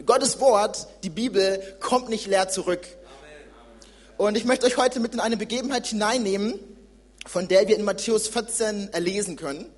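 Young male preacher, twenties, lively and conversational, slight rasp, church hall reverb. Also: high-pitched. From Germany. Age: 20s. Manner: lively, conversational and joking with the congregation. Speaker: preacher, theology student. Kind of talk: sermon with storytelling.

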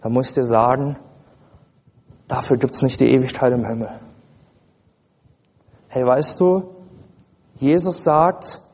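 A man's voice: medium pitch, slow, long pauses, a little mellow, slightly rough. A man preaching a sermon at a church service in a colloquial, casual way, speaking directly to his listeners. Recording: long hall reverb.

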